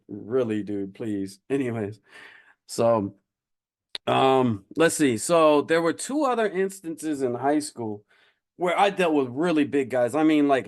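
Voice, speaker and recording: A man's voice: fairly high pitch, darkish tone. A male podcast host telling casual, slangy stories about past fights, chuckling and trailing off with fillers between stories. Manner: slangy and laid-back, with frequent "bro" and "dude". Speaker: podcast host and self-defense instructor. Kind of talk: casual anecdotal storytelling.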